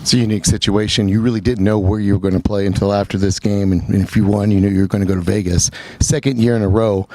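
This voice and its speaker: Fast, mellow-voiced male reporter. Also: lowish voice, fairly even intonation, dry recording, poor audio. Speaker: sports reporter. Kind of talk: conversational press questions.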